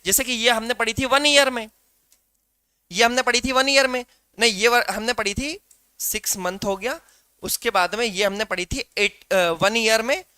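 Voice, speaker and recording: A male teacher leads a live online exam-prep class in a high, bright, crisp voice, heard close and dry. He explains by asking rhetorical questions and calls his students "beta". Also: no echo.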